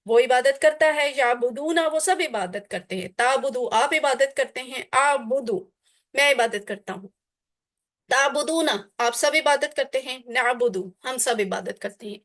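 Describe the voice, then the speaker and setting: A woman teaching a class on Quranic Arabic, drilling word forms slowly and deliberately, then explaining them. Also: high voice, a bit bright.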